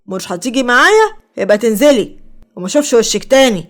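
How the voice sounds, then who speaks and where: A woman's voice: on the high side, big pitch swings, quick pace. A woman with an Egyptian Arabic accent voicing a scheming, controlling young man. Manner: controlling, sly.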